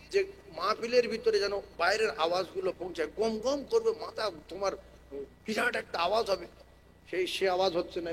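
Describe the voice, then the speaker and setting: A man preaching a sermon to a gathering over a public address microphone. He moves from quiet, chatty explanation to loud, drawn-out chanting and rallying call-and-response with the crowd. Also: high voice, a little hiss or hum, poor audio. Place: outdoor religious gathering with loudspeakers.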